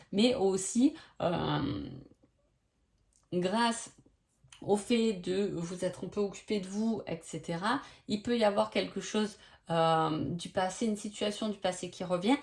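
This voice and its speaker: A woman's voice: fairly low pitch, a little mellow. A woman giving a casual oracle card reading sign by sign, chatty, with many hesitations and tag questions.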